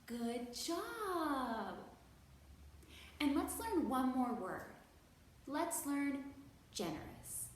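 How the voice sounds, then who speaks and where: Her voice is high-pitched and very animated as she leads a children's storytime, cheering on young viewers and drawing out important words slowly. Faint noise, a far-off microphone and heavy room echo mark the recording.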